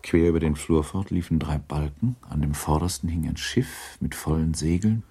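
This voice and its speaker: A man with a very deep, dark, gravelly and husky voice narrates a literary radio play, telling the story in a sober, measured way.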